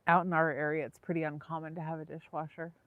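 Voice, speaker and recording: Woman, low voice, dry close sound, easygoing rambling chat, lakeside livestream host. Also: flat delivery, fast talker, no echo, narrow, tinny audio. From Southern California. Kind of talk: casual chat with live viewers. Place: outdoors by a lake.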